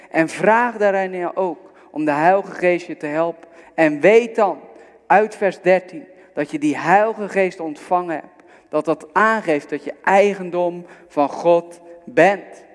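A man's voice: high-pitched, a little slow. A man preaching a sermon, earnest and exhorting, speaking directly to his listeners. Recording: long reverb of a large hall.

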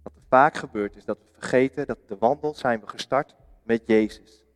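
A man's voice: mid-range voice, normal speed, clear, resonant tone, big-room sound. A Dutch man preaching a sermon in a church, earnest, asking his listeners questions and answering them himself. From Netherlands.

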